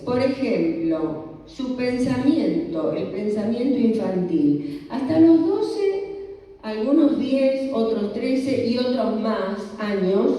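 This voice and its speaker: A woman's voice: mid-range voice, dark tone. A woman giving a church lecture on children's ministry, teacherly and posing rhetorical questions to the audience. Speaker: conference speaker. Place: church hall. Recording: echoey hall, voice from far off the mic.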